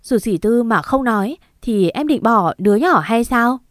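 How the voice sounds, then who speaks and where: A woman's voice: on the high side, animated, moderate pace, dry recording, clean studio sound, natural voice. A woman reading a stern young master. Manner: stern, questioning. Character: young master of a rich house, stern then gentle.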